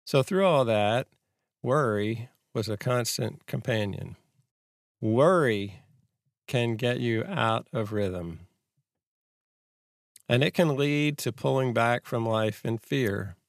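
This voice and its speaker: A man giving a reflective guided mindfulness talk in a measured, unhurried way, with pauses between short phrases. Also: mid-range voice, vocal fry, dry recording, clean studio sound. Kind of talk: slow guided meditation, reflective talk on anxiety.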